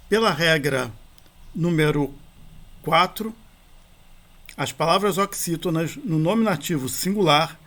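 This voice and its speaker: A man's voice: fairly high pitch, fairly bright tone. A man, teaching a grammar lesson and spelling out endings and rules step by step.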